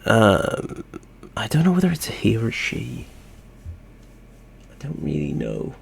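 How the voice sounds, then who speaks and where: A man with a nasal, stuffed-up voice from a cold, hosting a relaxed gaming video with easygoing, rambling chatter. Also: on the low side, a little slow, creaky, slightly rough. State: congested, stuffy nose from a cold. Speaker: host. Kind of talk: casual gaming commentary.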